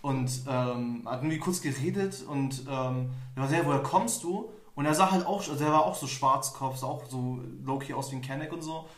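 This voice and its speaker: A man's voice: mid-range voice, fairly quick, few pauses. A young man from Germany hosting a podcast, telling stories in a loose, rambling way full of fillers. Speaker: podcast host. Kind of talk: casual podcast conversation. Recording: echoey room, somewhat off-mic.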